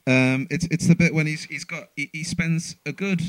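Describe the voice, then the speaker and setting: A man's voice: fairly high pitch, steady tone, moderate pace, no room sound, rough recording. A man co-hosting a casual podcast chat, chatty and stumbling over his words. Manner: chatty, laughs along, repeats words. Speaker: podcast co-host.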